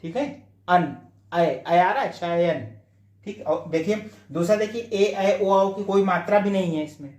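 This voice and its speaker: A man teaching a grammar lesson for exam study, repeating each rule and often checking whether it is clear. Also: high-pitched, measured pace, a little mellow. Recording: roomy echo.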